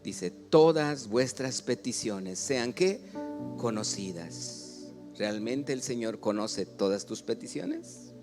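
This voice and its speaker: A Mexican pastor preaching with a lively, swinging pitch that climbs into loud exclamations. He keeps asking his congregation questions and has them read along. Soft music plays quietly behind him. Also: takes it slowly. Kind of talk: sermon.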